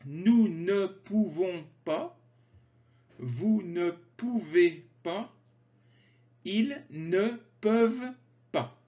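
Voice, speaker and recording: A man teaching French grammar, slowly and carefully articulating conjugation drills. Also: sits high, lively intonation, mellow. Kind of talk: slow grammar lesson with drills. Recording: slightly dull lo-fi sound.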